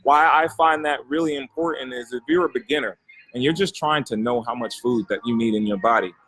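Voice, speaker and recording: A man's voice: mid-range voice, brisk, a bit bright, slightly rough, low-quality recording. A man working as a fitness coach, talking casually to live-stream viewers from inside a gym, instructive and repeating key points for emphasis. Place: gym, indoors.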